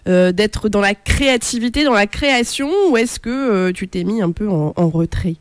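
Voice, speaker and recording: A woman's voice: medium pitch, normal speed, no echo. A woman hosting a radio show, introducing an artist and asking friendly, chatty questions. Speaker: radio host.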